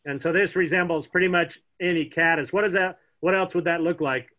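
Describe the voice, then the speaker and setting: A middle-aged man teaching a casual online fly fishing class from home, chatty and relaxed, joking with the kids as he shows flies on a webcam. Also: fairly high pitch, brisk. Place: home room, indoors. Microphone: laptop webcam on a video call. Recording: dull lo-fi video call audio.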